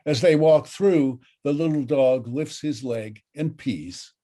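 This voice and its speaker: A man reads out the stage directions of a script in a dry, matter-of-fact voice. His voice is mellow and warm, in a middle pitch. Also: slow. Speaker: narrator.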